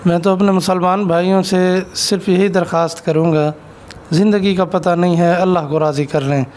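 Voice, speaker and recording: High-voiced man preaching earnestly. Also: steady tone, normal speed, darkish tone, slight background noise. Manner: earnest and exhortative, storytelling. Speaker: Islamic cleric, interview guest. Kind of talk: preaching answer in an interview.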